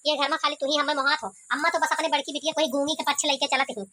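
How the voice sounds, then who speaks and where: A woman voices a resentful, sharp-tongued younger daughter who attends college in an Awadhi cartoon comedy, speaking with an Awadhi accent in a sulky, indignant, scolding, complaining way. Her high, bright voice is pushed and rapid-fire with little pitch movement, over a slight hiss or hum.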